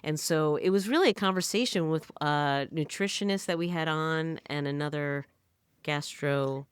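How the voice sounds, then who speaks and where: A middle-aged woman talking casually as a podcast guest, halting with fillers and restarts. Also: low voice, clean tone, no room sound, clean studio sound. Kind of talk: casual conversation.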